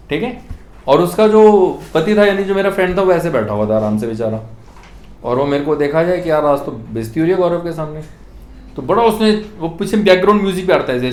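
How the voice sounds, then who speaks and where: A man's voice: high voice, roomy sound, slight background noise. A man teaching an English grammar lesson in a classroom, telling jokey stories and asking students to repeat after him. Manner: animated, jokey storytelling with student call-and-response.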